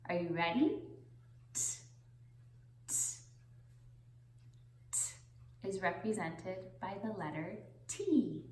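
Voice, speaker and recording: A young woman teaching a children's phonics lesson in a deliberate singsong, pausing for the listener to repeat. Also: on the low side, sing-song, a little mellow. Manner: slow, deliberate singsong with pauses for repetition. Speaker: preschool teacher. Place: indoor classroom, seated on the floor. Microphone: camera a few metres away. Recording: roomy echo from camera distance.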